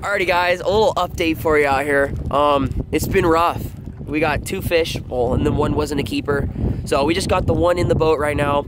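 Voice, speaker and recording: A man's voice: a little high, fairly even intonation, moderate pace. A young man chatting casually to the camera while fishing from a boat on a lake, upbeat and full of fillers. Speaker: fishing vlogger. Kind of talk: casual vlog chat. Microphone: camera held at arm's length. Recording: outdoor boat noise behind.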